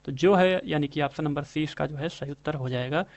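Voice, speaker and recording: Man teaching exam grammar, a bit high. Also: fairly quick. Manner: repetitive, addresses viewers as friends, stretches out spelled words. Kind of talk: exam-prep lesson, explaining answers.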